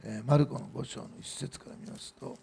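A man's voice: mid-range voice, fairly even intonation, a little fast, creaky, mellow, a little hiss or hum. A middle-aged man giving a sermon as pastor at a church service, in a loose, conversational way with fillers and asides.

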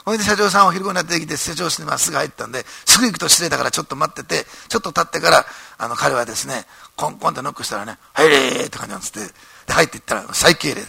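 A man preaching a sermon, telling a story in an animated way and tagging his phrases with "ne". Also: fairly high pitch, gravelly, husky, dry recording. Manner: animated storytelling, frequent ね tags. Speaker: pastor.

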